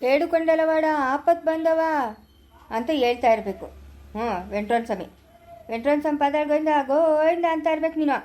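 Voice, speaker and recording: A woman's voice: sits high, a little fast, dark tone, close to an everyday voice. A woman playing an impatient grown daughter who scolds and mocks, with a rural Chikkaballapura Kannada accent. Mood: scolding. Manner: scolding, mocking.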